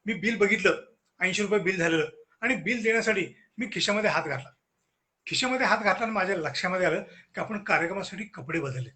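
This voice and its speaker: A man giving a humorous storytelling lecture at a lecture series, animated and acting out the dialogue. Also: sits high, fast talker. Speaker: guest speaker at a lecture series.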